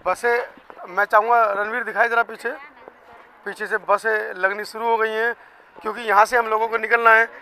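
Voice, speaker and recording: A male field reporter speaking outdoors in front of a hotel, briskly prompting guests to introduce themselves. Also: high-pitched, little pitch movement, pushed and bright, a little hiss or hum, poor audio. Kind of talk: field reporting and short interviews.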